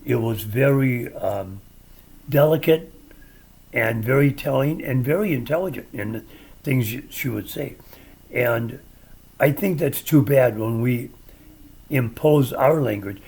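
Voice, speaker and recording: An older Midwestern man with a gravelly, husky voice, chatting casually on a podcast. He tells stories and offers wry opinions in a conversational way. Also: mid-range voice, measured pace, pauses often, darkish tone. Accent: American Midwestern. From American Midwest. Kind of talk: casual chat.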